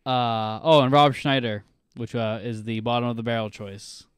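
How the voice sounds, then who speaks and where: Smooth-voiced rambling podcast host. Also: male voice, medium pitch, fairly even intonation, moderate pace, dry recording, studio quality. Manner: rambling, many fillers, lists names. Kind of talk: casual chat.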